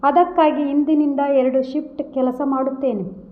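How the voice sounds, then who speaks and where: A devoted young husband, tender and self-sacrificing, as a woman reads him in a storybook narration. The voice sits high and sounds earnest and emotional. A dull, lo-fi recording softens the edges. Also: fairly even intonation, measured pace. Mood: anguished.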